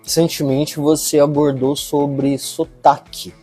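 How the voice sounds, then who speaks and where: Interviewer, man, Minas Gerais accent, mellow and slightly husky. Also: on the high side, little pitch movement, slow pace, faint music behind. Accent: Minas Gerais Portuguese. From southern Minas Gerais, Brazil. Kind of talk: interview questions.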